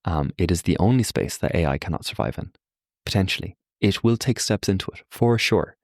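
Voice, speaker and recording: A young man, a podcast guest, explaining ideas in relaxed conversation, animated and acting out quoted voices, with many fillers. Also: sits low, fairly quick, no echo, clean studio sound. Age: young adult. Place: Ireland.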